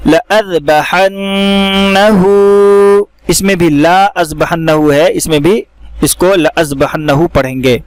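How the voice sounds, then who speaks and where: A man teaching how to read the Quran, explaining each word and then reciting it slowly with drawn-out vowels. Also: fairly high pitch, steady tone, no room sound. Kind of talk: step-by-step recitation lesson.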